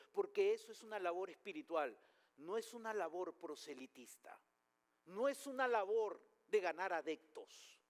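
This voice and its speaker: A male pastor preaching a sermon in a high voice that rises and falls with animated swings. He speaks emphatically and poses rhetorical questions. The sound carries the long reverb of a church hall.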